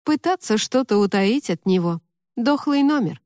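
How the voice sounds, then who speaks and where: A calm, matter-of-fact young man, voiced by a woman narrator, unhurried and unruffled. The voice is mellow and dark, recorded close and dry. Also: on the high side, no room sound, lightly acted. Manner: slow, unruffled delivery.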